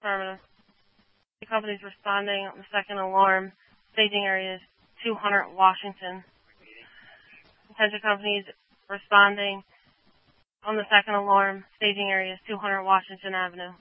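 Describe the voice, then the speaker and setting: A man's voice: high-pitched, monotone, moderate pace, pauses often, clear, resonant tone, no echo. A man working as a fire dispatcher on two-way radio, answering units in a clipped, procedural way. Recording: dull lo-fi fire radio audio.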